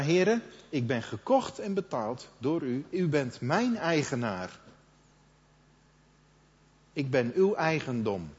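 Middle-aged preacher in a reverberant hall. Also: male voice, medium pitch. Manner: conversational, quotes others in lively asides. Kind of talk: sermon. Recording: dull sound with long hall reverb.

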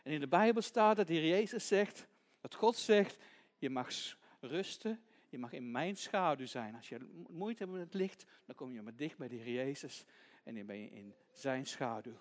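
A man gently narrating a children's Bible story, dropping to a hush at tense moments. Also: fairly high pitch, very animated, moderate pace.

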